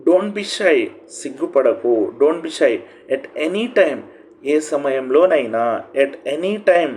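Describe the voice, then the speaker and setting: A man's voice: fairly high pitch, lively intonation, extremely slow, a little mellow, slight background noise. A man with a Telugu accent teaching spoken English. He says each English phrase with emphasis, then gives its meaning. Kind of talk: phrase-by-phrase language lesson.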